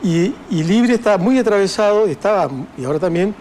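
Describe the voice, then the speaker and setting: In an interview conversation, an older Argentine Spanish-accented author reflects aloud, full of fillers and restarts. He sounds high-pitched, animated and brisk with a darkish tone, and there's a little hiss or hum.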